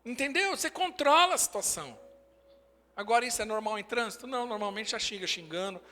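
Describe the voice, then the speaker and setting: A man's voice: sits high, expressive, a little fast, sharp tone. A man in his forties with a Brazilian Portuguese accent, preaching a sermon in short, emphatic declarations. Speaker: pastor. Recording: long hall reverb.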